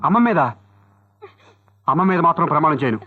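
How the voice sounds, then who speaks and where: Sneaky young husband, fairly high voice, talks fast, muffled film audio. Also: male voice, husky. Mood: cheeky. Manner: playful, evasive banter. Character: cheeky young husband dodging his father. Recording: slightly dull film soundtrack with loud music.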